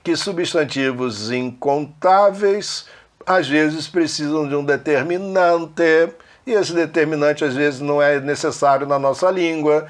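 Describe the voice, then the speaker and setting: A man with a Brazilian Portuguese accent teaching an English lesson, explaining slowly and checking in often with the learner. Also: fairly high pitch. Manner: patient, repetitive, checks in with "né?" and "ok?".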